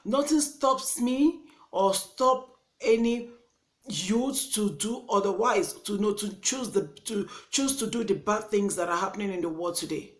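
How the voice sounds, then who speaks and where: Young Nigerian-accented woman, vlogger, earnest and indignant, frequent restarts, mid-pitched voice. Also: measured pace. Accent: Nigerian English. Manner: passionate, indignant. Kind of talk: impassioned vlog monologue.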